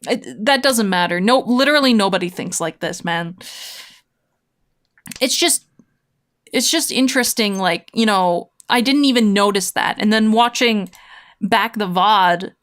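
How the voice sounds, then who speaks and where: A woman's voice: mid-range voice, unhurried, fairly bright tone. Casual woman livestreamer chatting over a game. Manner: slangy, rambling, thinking aloud. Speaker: livestreamer, VTuber playing online mahjong. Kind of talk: casual livestream chat while gaming, replying to chat.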